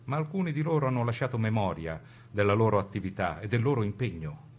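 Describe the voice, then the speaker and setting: A man delivers scripted narration for a radio documentary play in an emphatic, rhetorical style, using weighted pauses. His voice is on the low side and animated.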